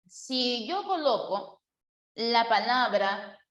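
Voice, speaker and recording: A woman teacher walks her class through a grammar rule one example at a time. Her voice sits a little high, and she keeps asking questions and then answering them herself. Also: expressive, drawn-out words, fairly bright tone, lo-fi sound. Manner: explains step by step with worked examples and rhetorical questions. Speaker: language teacher.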